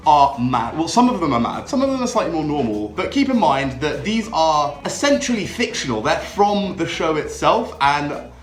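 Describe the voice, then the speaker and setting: A man's voice: on the high side, sing-song, normal speed, faint music behind. A young man hosting a drinks vlog in casual, upbeat chat, laughing often. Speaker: drinks channel host. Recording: echoey room.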